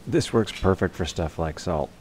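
A man hosting a do-it-yourself channel, talking through a craft demonstration in a relaxed, practical, plain-spoken way as a close-miked voice-over. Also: low-pitched, normal speed, slight background noise. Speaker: DIY channel host. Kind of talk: casual tutorial voice-over.

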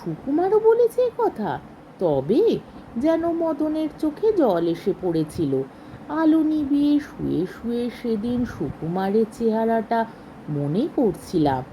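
A woman reading a short story aloud in a slow, measured way with expressive rises. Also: a little high, a little hiss or hum, low-quality recording.

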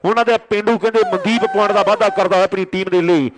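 A man giving excited rural kabaddi commentary, announcing in repeated stock phrases. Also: sits high, quick pace.

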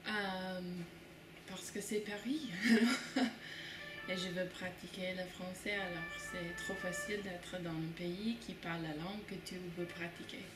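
A young woman from the United States, a student, answering in halting learner's French. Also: fairly low pitch, steady tone, music in the background. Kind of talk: interview answers. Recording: echoey room, background noise.

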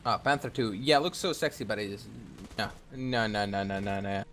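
Playing alongside a friend, a gamer with a lowish, fairly bright voice talks fast, making callouts, bantering, and swearing freely. Game sounds come through clearly in the background.

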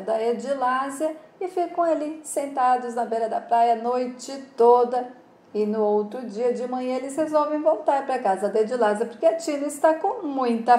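A woman recaps a soap episode in a chatty, casual way, dropping fillers as she goes. Her voice sits a bit high. The room adds a clear echo. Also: a little mellow. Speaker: narrator. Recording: roomy echo.

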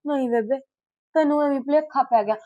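An actress with a Punjabi accent playing a young daughter-in-law who pleads and placates, in a village short-film drama. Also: female voice, sits high, fairly quick, warm tone, lo-fi sound, lightly acted. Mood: pleading.

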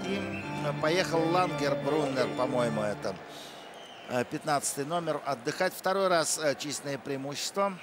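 A male hockey commentator with a fairly high-pitched voice calls the game live. He speaks haltingly, often stretching hesitations between short phrases. Loud music plays behind him. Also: animated. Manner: hesitant, halting delivery with frequent drawn-out filler pauses. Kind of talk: live play-by-play sports commentary.

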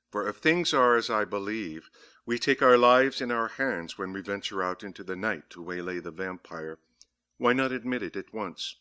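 A man reading a diary-style gothic tale aloud in a measured, dramatic narration. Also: on the low side, sharp tone. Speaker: audiobook narrator.

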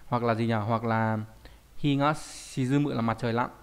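A man's voice: medium pitch, steady tone, normal speed, clear, resonant tone. A man giving a recorded online lesson as a Japanese teacher, explaining patiently and often stopping to ask rhetorical check questions.

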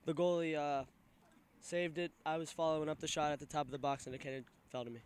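College player, male, twenties, casual filler-heavy answers, smooth tone, pitched a bit high. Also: little pitch movement. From Pennsylvania. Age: 20s. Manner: casual, halting with many fillers. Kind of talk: postgame interview answers. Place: outdoor soccer field at night. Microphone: handheld mic held by interviewer.

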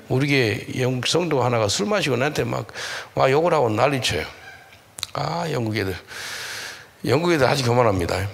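A man pastor preaching a sermon in an animated storytelling manner, acting out dialogue and urging his listeners. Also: mid-range voice, vocal fry. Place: church hall.

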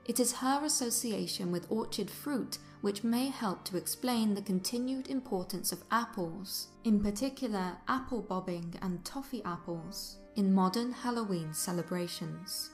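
A woman reading a scripted documentary narration in a measured, formal and articulate way. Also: medium pitch. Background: music under the voice.

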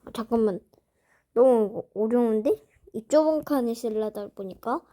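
A woman with a slightly high voice narrates at an unhurried pace while drawing. She muses aloud and talks to herself as she works. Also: mellow. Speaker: drawing vlogger.

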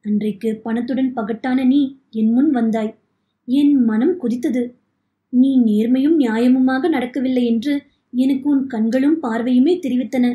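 A forgiving elderly uncle gently consoles and counsels, as a woman reads him aloud. The voice is high and soft-edged. An echoey room surrounds it. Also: natural voice.

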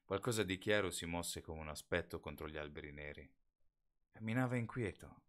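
A man reading an audiobook aloud live in a steady, measured way. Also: sits low. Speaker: audiobook reader.

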